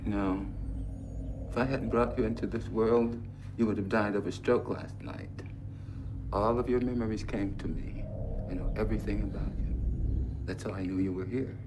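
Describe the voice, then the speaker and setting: An actor playing a mysterious, calm male stranger from another world, speaking in a measured, solemn, explanatory way in a film drama. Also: on the low side, background noise, lightly acted. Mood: calm, insistent.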